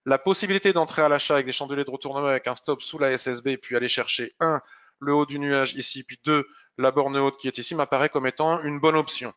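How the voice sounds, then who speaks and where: A man presenting a live market review, explaining charts while thinking aloud, pausing and clearing his throat. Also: medium pitch, steady tone, a bit bright, highs cut off. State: slightly hoarse, clearing throat.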